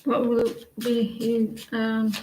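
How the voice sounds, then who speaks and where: A woman chats her way through a live tarot reading, slow and unhurried, her voice pitched a touch high. She halts and trails off as she reads the cards. The room echoes around her and a faint hiss sits underneath. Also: monotone, dark tone. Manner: chatty, halting, sings snatches of songs between readings. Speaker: tarot reader.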